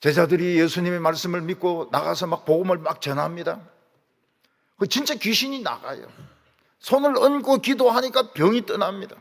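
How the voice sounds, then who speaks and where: A male pastor delivering a sermon with emphatic rhetorical questions, recorded in a church hall. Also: sits high. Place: church sanctuary. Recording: long reverb of a church hall.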